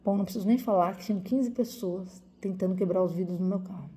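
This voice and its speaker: A woman's voice: mid-range voice, fast, mellow. A woman from Brazil in her forties, a doctor, telling viewers a personal story in an emotional, vivid way with lots of repetition.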